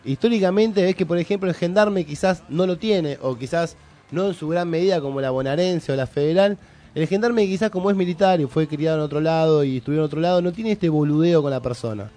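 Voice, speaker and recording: A man's voice: fairly high pitch, a little fast, warm tone. A young man with an Argentine Rioplatense accent, co-hosting a radio show and telling a story in casual slang, acting out both sides of a quarrel. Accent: Argentine Rioplatense Spanish. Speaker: radio co-host.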